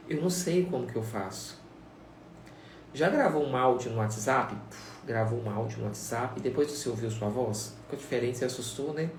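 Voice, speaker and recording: Speaking in a mid-range voice with a slightly mellow quality, a man teaches sign language in a relaxed live stream, addressing his viewers head-on and repeating himself conversationally. There's a little hiss or hum, and the echoey room, faint ambience and far-off mic placement are audible.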